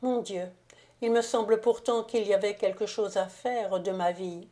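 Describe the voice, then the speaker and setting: A woman's voice: medium pitch, steady tone, moderate pace, mellow, natural voice. Woman reading a firm, dignified countess. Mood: reproachful. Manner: firm, assured. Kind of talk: audiobook character reading.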